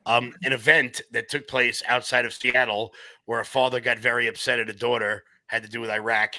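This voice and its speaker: A man on a casual panel chat who talks in a joking, sarcastic way with animated asides. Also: medium pitch, a little fast, no echo, poor audio.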